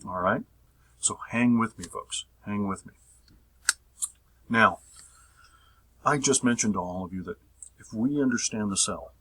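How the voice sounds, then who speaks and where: A man teaching a recorded physiology lecture, repeating phrases, checking that his listeners follow, and drawing out key terms slowly. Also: medium pitch, sharp tone, breathy edge, low-quality recording. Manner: repetitive, checks understanding with the audience.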